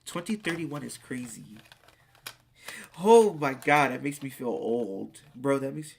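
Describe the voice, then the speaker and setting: A speaker in their late teens chatting casually on a live stream, reading viewers' questions aloud and answering in excitable bursts. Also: medium pitch, unhurried, creaky, a little hiss or hum.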